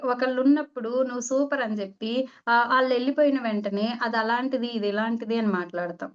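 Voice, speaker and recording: A woman meditation teacher giving a conversational spiritual talk, acting out little dialogues as she teaches. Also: fairly high pitch. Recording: dull lo-fi recording.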